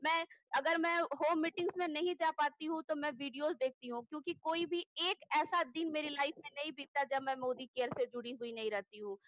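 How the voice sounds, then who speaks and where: A woman with a high, bright-pitched voice leads an online training session, speaking earnestly and pausing often between points. Her voice comes through a video call and sounds close and dry, with no room around it. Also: steady tone, dry recording, rough recording. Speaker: network marketing trainer.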